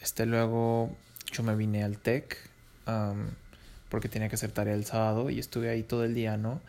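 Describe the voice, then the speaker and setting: Young Mexican man, low gravelly voice, slangy rambling storyteller, casual vlog chat. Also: completely flat delivery, normal speed, dark tone. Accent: Mexican Spanish. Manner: slangy, rambling, laughs between lines.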